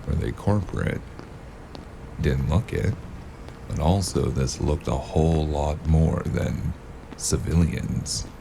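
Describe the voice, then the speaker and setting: A man playing a weary, sardonic noir gun-for-hire in an audio drama, with a gravelly voice and dry, clipped delivery. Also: slow pace, background noise, full character voice. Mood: weary, brooding. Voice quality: gravelly, very low. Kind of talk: noir detective audio drama with hardboiled narration.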